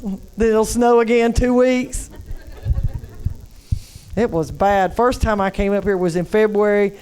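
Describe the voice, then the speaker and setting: A woman's voice: medium pitch, measured pace, darkish tone, clean tone. A woman from North Carolina works a comedy club crowd with a thick Southern drawl. She talks in a loose, chatty way and needles the audience, her voice carried through a handheld stage mic. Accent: Southern American. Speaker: stand-up comedian. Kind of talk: live stand-up set.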